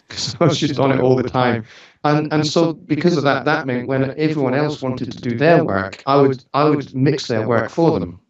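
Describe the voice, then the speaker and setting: Speaking at a normal speed in a mid-range voice, a forty-something man shares casual stories in a chatty, lightly humorous manner. Originally from Scotland and raised on the road throughout the UK, he has a mixed Scottish-British accent and is being interviewed as a musician and studio owner. The mic is distant, leaving the audio echoey and dull.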